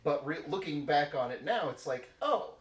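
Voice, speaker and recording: A man chatting casually in an informal Q&A, rambling and halting as he talks. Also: on the high side. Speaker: co-host of a casual Q&A video. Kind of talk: casual Q&A chat. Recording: roomy echo, distant microphone.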